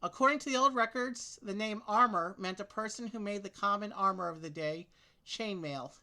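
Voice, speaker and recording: Bright-voiced woman reading game clues. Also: medium pitch, moderate pace. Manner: steady, clear reading of clue text. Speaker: game co-player. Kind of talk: reading game text aloud and casual game chat.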